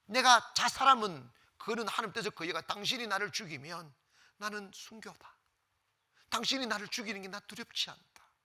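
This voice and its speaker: Brief: man playing a serene, resolute pastor, soft and steady, at times almost whispered. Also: sits high. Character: calm male pastor facing death, serene.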